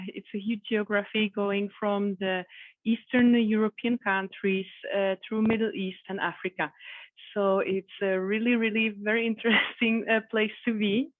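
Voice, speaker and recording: A woman's voice: mid-range voice, no room sound. Woman on a tinny call line. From Czech Republic. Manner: hesitant, many fillers, laughs softly. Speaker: guest, communications manager. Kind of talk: interview. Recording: tinny phone-like remote call.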